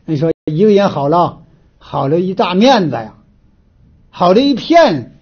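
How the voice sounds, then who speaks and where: Northeastern Mandarin man, folksy lecturer, high animated voice, restarts a lot, muffled lo-fi audio. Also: unhurried, slightly rough. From Northeast China. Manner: animated storyteller, frequent filler restarts. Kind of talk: folksy moral lecture with storytelling. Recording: dull lo-fi recording.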